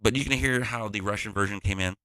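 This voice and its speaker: A man's voice: lowish voice, fast, pushed and bright, dry recording. A man who produces music, talking casually through a tutorial, rambling and restarting his sentences.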